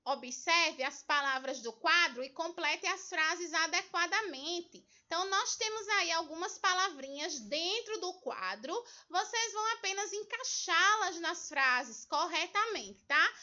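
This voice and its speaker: A woman from Brazil teaching young children with a very high, piercingly bright voice. She speaks patiently and breaks words into syllables for them. The recording is dull and lo-fi. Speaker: primary school teacher. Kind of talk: remote homework lesson walkthrough.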